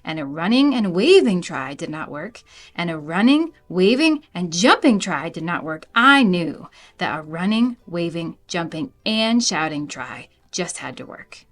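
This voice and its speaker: A woman's voice: on the low side, big pitch swings, a little slow, a bit bright, heavily acted. A woman voicing an upbeat male storybook frog, encouraging and insistent with a friend. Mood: determined.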